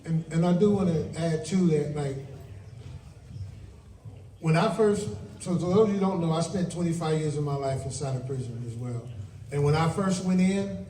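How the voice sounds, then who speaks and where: Mellow-voiced man moderating in an echoey hall. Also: fairly high pitch, normal speed. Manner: emotional, direct to the audience. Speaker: event host and fellow speaker. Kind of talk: public talk and Q&A. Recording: distant roomy live recording with faint noise.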